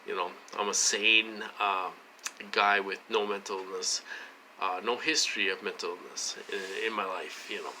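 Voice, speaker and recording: A man's voice: low voice, fairly even intonation, normal speed, pushed and bright, a little hiss or hum, poor audio. A man vlogging in a casual, rambling monologue while having a drink, repeating himself and asking "okay?" as he goes.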